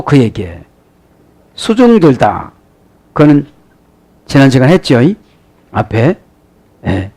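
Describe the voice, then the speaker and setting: A male pastor giving an expository sermon, breaking down grammar word by word and prodding the congregation with short questions. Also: high-pitched. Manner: teacherly, parses original-language grammar word by word.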